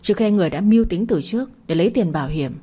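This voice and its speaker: A woman voicing a sharp, suspicious young woman who questions others pointedly in a storybook narration. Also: medium pitch, expressive, quick pace, breathy edge. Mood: accusing. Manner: pointed and accusing.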